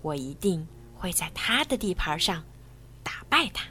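A woman's voice: on the high side, very animated, moderate pace, soft background music. A woman voicing a confident young race car. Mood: determined. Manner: quietly determined.

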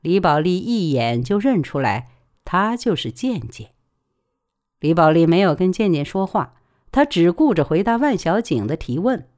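A woman narrating an audiobook episode in an expressive, dramatic reading style. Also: fairly low pitch, normal speed. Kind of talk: audiobook storytelling.

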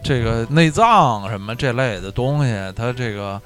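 Lively man over music. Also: medium pitch, moderate pace. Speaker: podcast co-host. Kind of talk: casual chat. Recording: music behind the voice. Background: background music.

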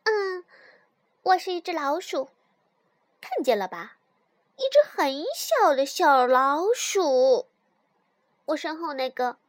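Slow, high, expressive woman storyteller. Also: no room sound, studio quality. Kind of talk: first-person children's story narration.

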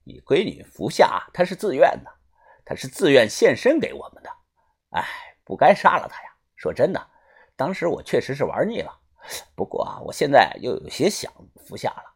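A storyteller voicing a lewd, cruel male spirit who talks quietly with leering sighs. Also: mid-range voice, huge pitch swings, normal speed, breathy edge, exaggerated voice.

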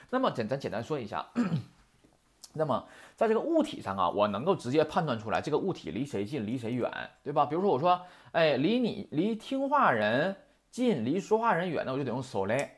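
A language teacher explains example sentences and keeps checking with "right?". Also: mid-range voice. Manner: constantly asks "right?" to check understanding; quotes example sentences, then explains them. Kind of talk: classroom lesson explanation.

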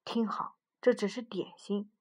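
A woman voicing a bossy, impatient male mouse adventurer in a storybook, speaking sternly and loudly. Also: mid-range voice, fairly even intonation, a little slow, breathy edge.

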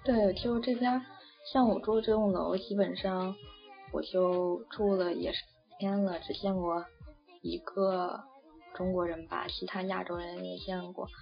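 A young woman from China talks in a loose, rambling way, full of fillers and restarts. Her voice has a gravelly fry to it. The audio is dull and lo-fi, with faint music underneath. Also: lowish voice, flat delivery, measured pace. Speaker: interviewee. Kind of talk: casual chat.

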